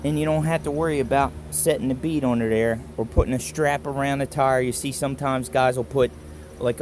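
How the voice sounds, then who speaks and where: A man with a Baltimore accent gives a casual, plain-spoken hands-on tutorial in halting, folksy phrases, talking to a handheld camera. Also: mid-range voice, a little mellow, a little hiss or hum. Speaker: instructor in a do-it-yourself tutorial. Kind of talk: casual hands-on how-to explanation. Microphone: handheld camera held while demonstrating.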